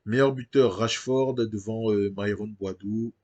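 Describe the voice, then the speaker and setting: Low-voiced man commenting on a game. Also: steady tone, unhurried, a little mellow, dull audio. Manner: thinks aloud with frequent hesitations. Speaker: gaming channel host.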